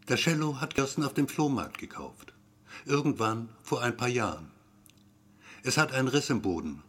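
Erzähler, männlich, ironisch und wiederholend, mittlere Stimmlage, Hörbuchlesung. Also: male voice, mid-range voice, fairly bright tone. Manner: repetitive, wry storytelling. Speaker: narrator. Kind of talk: scripted story reading.

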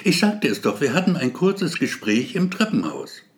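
A touchy, pedantic man in a storybook, nervous and defensive, forever correcting the people around him, as a male reader voices him. His pitch swings widely as he insists on his point. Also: huge pitch swings, normal speed. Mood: insistent.

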